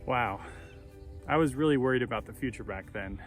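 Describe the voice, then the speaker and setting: A man in his thirties with a medium-pitched voice speaks over music. He moves between reading personal writing aloud and casual commentary, sounding candid, reflective and a little self-conscious. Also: brisk. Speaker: vlogger. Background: background music.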